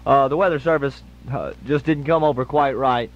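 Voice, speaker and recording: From a radio studio, a male DJ with a medium-pitched voice and moderate pace announces songs, times, and station identification live on air. It's a dull lo-fi 1980s aircheck tape with music in the background.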